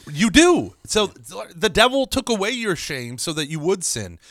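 A man's voice: high voice, moderate pace, no echo. Emphatic man teaching on confession, dry mic. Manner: animated, emphatic, jokey storytelling. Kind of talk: conversational religious teaching.

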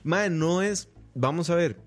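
A man's voice: a little high, measured pace. Blunt Costa Rican man, casual chat. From Costa Rica. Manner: blunt, emphatic. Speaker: podcast host.

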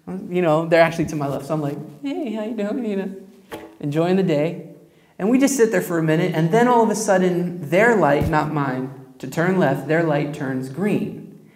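A man preaching a sermon as pastor, telling stories in a conversational way and speaking straight to his congregation. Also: a little high. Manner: storytelling, conversational, addresses congregation directly. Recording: roomy echo.

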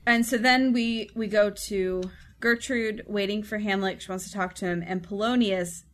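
A woman's voice: medium pitch, steady tone, normal speed, a bit bright. A woman hosting a casual group podcast, retelling a play in a playful way and dropping into quoted voices.

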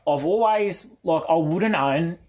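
A man's voice: a little high, takes it slowly, darkish tone. An Australian man, a car enthusiast, talking casually as a guest in an easygoing, rambling, colloquial way. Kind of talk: casual chat about cars.

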